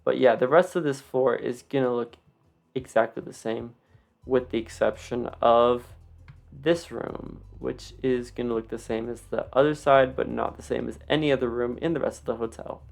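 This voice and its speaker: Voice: mid-range voice, fairly even intonation, moderate pace, creaky, darkish tone. A video creator with a slight lisp from wearing retainers gives a casual, unscripted tour commentary with rambling, self-deprecating asides. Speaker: video creator giving a game build tour.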